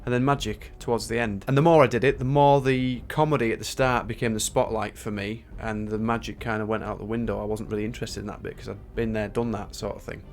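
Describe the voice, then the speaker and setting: A man's voice: fairly low pitch, fairly even intonation, fast, creaky, few pauses, a little hiss or hum. An English man narrating his own career story in a candid, colloquial, self-deprecating way. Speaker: stand-up comedian and former magician. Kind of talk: conversational video narration about own career. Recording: music playing behind the voice. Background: background music.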